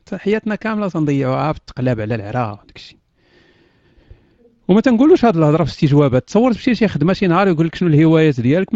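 The audio is dull, dry lo-fi voice chat with no echo, carrying a slightly high, darkish male voice with a Moroccan accent. He hosts the online chat room casually, teasing those he speaks with, laughing a lot, and using French words here and there.

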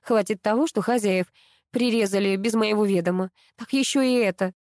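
A woman reading an audiobook and voicing a domineering older mother-in-law who runs a beauty pageant and shouts orders. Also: mid-range voice, normal speed, no room sound, studio quality, natural voice. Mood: bossy.

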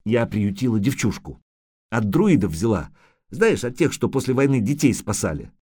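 A man's voice: on the low side, very animated, normal speed, warm tone, husky. A man voicing an anxious, loving merchant's wife who pleads eagerly. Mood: pleading.

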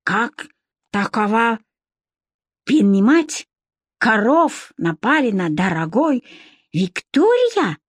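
A high, squealing male shopkeeper who mangles his grammar and gets worked up fast, acted by a woman reading. The voice jumps up and down wildly and comes across dry and close. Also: very animated, slightly rough, no echo, exaggerated voice. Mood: excited, pleading. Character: excitable male shopkeeper with broken speech, thin voice.

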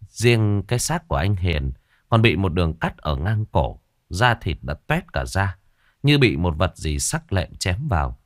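Male narrator, lowish, animated, dry booth sound. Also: a little slow, no echo. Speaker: audiobook narrator. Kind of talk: storytelling narration.

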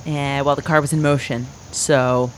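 A woman playing an officious, easily distracted police officer with a halting official manner in improvised comedy. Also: extremely low pitch, steady tone, a little hiss or hum.

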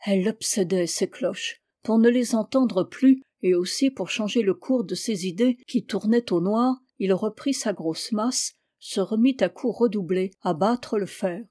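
A woman narrates an old folk tale in a steady storytelling voice. Her tone is mellow and dark, at a middle pitch. She lifts her voice when quoting characters' calls. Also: a little slow, hardly any pauses. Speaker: audiobook reader.

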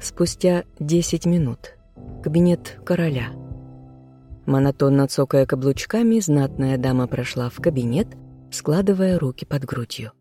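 An audiobook narrator reading a fantasy romance in a measured, even way. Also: medium pitch, faint music behind.

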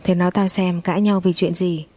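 A woman's voice: fairly low pitch, flat delivery, brisk, warm tone, natural voice. A woman voicing a blunt but caring older female friend on the phone in a story reading. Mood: concerned. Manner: blunt, direct.

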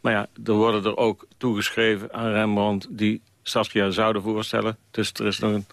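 Man being interviewed in a radio studio, bit low voice, author guest answering. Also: monotone, normal speed, creaky, no echo.

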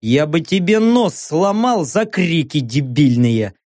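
A man's voice: very high voice, sing-song, slow, no room sound, studio quality, voice pushed up, full character voice. A man voicing a tough, foul-mouthed male commander who barks cursing orders in an audiobook. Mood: angry.

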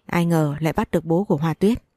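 A guarded young businessman, measured and matter-of-fact, as a woman reading the story puts him on. The voice is mellow and lowish, and the recording is dry. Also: dry recording.

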